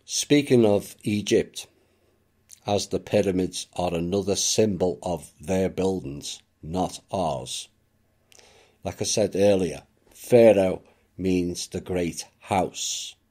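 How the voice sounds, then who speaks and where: A man giving a reflective spoken monologue as a channel narrator, measured and unhurried, with occasional dry asides. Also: deep voice.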